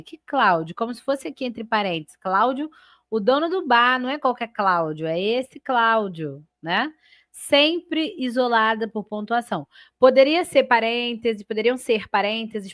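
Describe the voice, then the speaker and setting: A Brazilian woman with a fairly high voice teaches a live grammar class, and the recording is dry and close. She walks through each example step by step, drawing out the key terms and checking in with her viewers all the time. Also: a bit bright, dry recording. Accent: Brazilian Portuguese. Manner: explains step by step with frequent checks like "né?" and "tá?"; stretches and stresses key words while labeling sentence parts.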